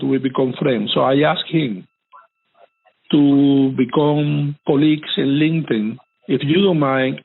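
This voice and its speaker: A middle-aged man, a cybersecurity conference speaker being interviewed, talks sincerely and casually in a gravelly, higher-pitched voice, emphatically repeating himself. The audio sounds tinny, like a phone line.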